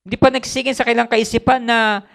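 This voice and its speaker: Man, Filipino accent, pastor, sermon, gravelly, very high pitched, repeats for emphasis. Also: level tone, fast talker, fairly bright tone. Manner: mixes Tagalog with English, repeats phrases for emphasis.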